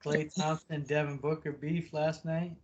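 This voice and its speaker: A man's voice: fairly high pitch, little pitch movement, a little slow, darkish tone, muffled recording. A man co-hosting a podcast, chatting casually in English and swearing freely as he banters about basketball. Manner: loose, profane banter. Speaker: podcast co-host. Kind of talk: casual chat.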